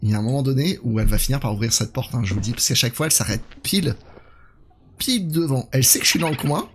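A man's voice: mid-range voice, racing, slight background noise. A man doing casual live commentary on a horror game while chatting with his viewers.

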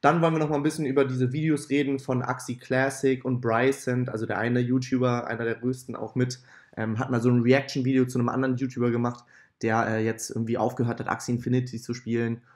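A man's voice: mid-range voice, little pitch movement, quick pace, a little mellow. Man host with poor-quality audio. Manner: chatty, many filler sounds, apologetic asides. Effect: poor-quality audio from a makeshift mic. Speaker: gaming channel host. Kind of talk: casual news chat. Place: at his parents' home. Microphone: not his usual microphone.

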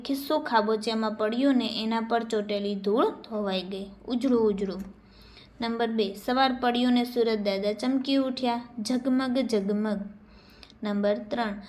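A woman teacher reading out workbook answers and giving dialogue lines an expressive lift. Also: a little high. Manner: reads dialogue lines with lively, expressive emphasis.

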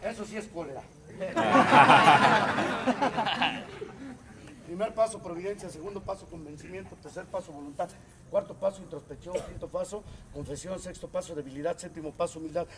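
A man's profane and comedic testimony at a recovery group, given in a Mexican accent, swings from muttering low to shouting loud rants. He speaks at normal speed with long pauses, and background noise is present.

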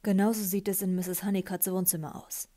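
A woman's voice: mid-range voice, flat delivery, brisk, warm tone, lightly acted. A woman voicing a young man who speaks in a soothing, hypnotic tone.

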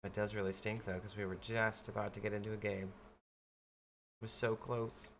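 A man streaming a horror game live, chatty and excitable, laughing often and greeting viewers by name. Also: fairly low pitch, moderate pace, slight background noise. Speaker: gaming streamer. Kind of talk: live-stream gameplay commentary.

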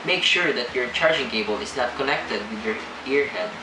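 Polite young male call center agent, acted by a man, halting scripted role-play, echoey and very noisy. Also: medium pitch, lively intonation, lightly acted. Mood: polite, instructing. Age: young adult. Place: small indoor room. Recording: echoey room, loud background hum.

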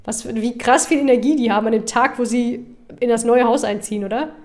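A woman streamer giving casual let's-play commentary. She talks in quick, chatty asides, and her voice sits fairly high. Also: darkish tone.

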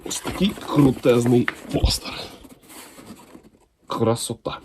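A man's voice: mid-range voice, background noise. A man talking casually and enthusiastically as he unboxes comics for his channel. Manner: enthusiastic, unhurried, lively intonation.

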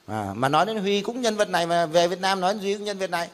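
Man, pastor, fairly high voice, lively Bible class teaching. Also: fast talker. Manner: animated, explains with examples and rhetorical questions.

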